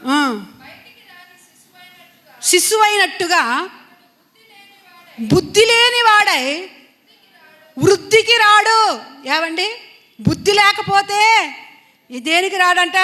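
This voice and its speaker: A woman preacher with a very high, bright and forceful voice delivers a Sunday sermon in a church hall. She presses her points by repeating phrases and asking the congregation question after question. Her voice rings with a long hall reverb. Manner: emphatic, repetitive, rhetorical questions to the congregation.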